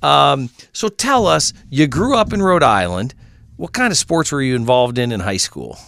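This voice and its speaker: A man's voice: mid-range voice, sing-song, normal speed, vocal fry, a bit bright, no room sound, studio quality. A man hosting a weekend radio show who interviews his guest in a playful, teasing way. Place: radio studio.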